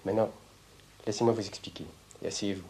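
A young man confronting his analyst in a heated argument, provocative, swinging between raised voice and hushed tones, caught on a portable tape recorder in an office. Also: fairly low pitch, fairly even intonation, fast, slight background noise. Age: young adult. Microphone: hidden portable tape recorder.

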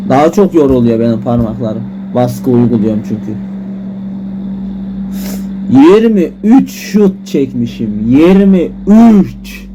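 A man giving frustrated gameplay commentary, swearing and shouting at the game. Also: medium pitch, expressive, unhurried, long pauses, noisy background. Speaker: gaming YouTuber. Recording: music loud behind voice.

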